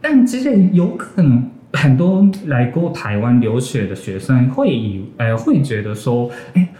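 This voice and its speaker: Young guy, japanese accent in his mandarin, mellow voice, podcast guest feeling for words, roomy echo. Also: mid-range voice, big pitch swings, moderate pace. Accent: Japanese accent in Mandarin, with some Taiwanese influence. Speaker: interview guest, graduate student. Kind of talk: casual podcast interview. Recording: roomy, echoey sound.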